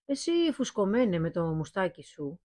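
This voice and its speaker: A woman voicing a burly, rude male blacksmith who shouts insults at his guests. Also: medium pitch, big pitch swings, dry recording. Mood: gruff.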